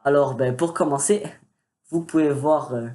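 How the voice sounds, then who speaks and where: A man's voice: medium pitch, steady tone, moderate pace, mellow. A man chats into a desktop microphone at home, announcing plans for his gaming channel. He hesitates often, fills gaps with little sounds and pokes fun at himself. The delivery is casual and unrehearsed. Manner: hesitant, many fillers, self-mocking asides. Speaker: gaming YouTuber. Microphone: desktop USB microphone with pop filter.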